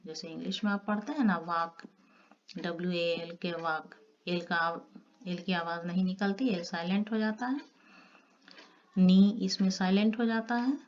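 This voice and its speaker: A woman's voice: mid-range voice, darkish tone. A woman teacher giving an Urdu grammar lesson, explaining step by step and drawing out the example words. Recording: dull lo-fi audio with faint noise.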